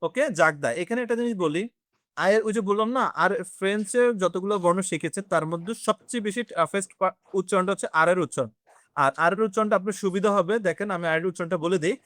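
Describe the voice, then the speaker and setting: Teaching French to beginners in a classroom lesson, a man with a high, fairly bright voice explains things slowly, one step at a time. He quizzes the class and slips in English words. The studio-quality audio has no echo.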